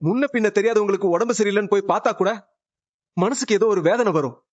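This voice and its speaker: A man's voice: high-pitched, fast talker, dry recording. A young husband who won't take his wife back. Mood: pleading. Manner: pleading, breaking into sobs. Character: grown son refusing his estranged wife, anguished. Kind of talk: Tamil serial drama. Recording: dull muffled TV-serial audio.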